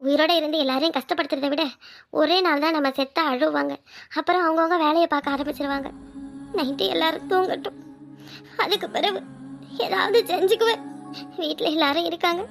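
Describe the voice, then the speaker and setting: High-voiced performer as a heartbroken young woman. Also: steady tone, vocal fry, a bit bright, faint music behind. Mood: despairing. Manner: tearful, slow, hopeless. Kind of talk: Tamil family drama voiceover.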